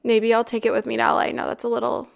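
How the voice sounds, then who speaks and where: A Canadian woman in her twenties hosts a chatty podcast, a little congested and raspy after a recent flu. Her fairly high voice is smooth and clear with a flat, even melody, and she talks quickly in an upbeat, easy casual chat, often saying "like" and "really."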